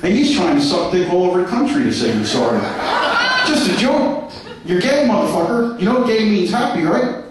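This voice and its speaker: A man's voice: sits high, very animated, normal speed, a little hiss or hum. Brash, crude male stand-up comic. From New York. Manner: crude, brash punchlines to a laughing crowd. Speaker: stand-up comedian. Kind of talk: stand-up comedy set. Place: comedy club stage, live audience. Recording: echoey club heard from a distance.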